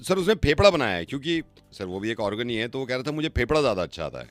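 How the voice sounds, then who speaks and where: A man's voice: medium pitch, big pitch swings, very fast, dry recording, soft background music. Chatty male radio prankster, dry studio sound. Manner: chatty, innocently provoking. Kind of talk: prank phone call.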